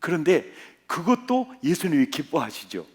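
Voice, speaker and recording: A man's voice: a little high, normal speed. A male pastor preaching a revival sermon, often putting questions to the congregation. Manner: animated, quizzing the congregation.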